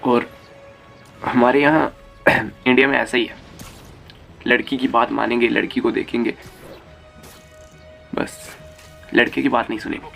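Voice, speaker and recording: A man's voice: medium pitch, level tone, measured pace, vocal fry, pauses often, fairly bright tone, soft background music. Heated, foul-mouthed young man ranting. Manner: heated and crude, swears freely. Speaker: YouTube commentator. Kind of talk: ranting commentary.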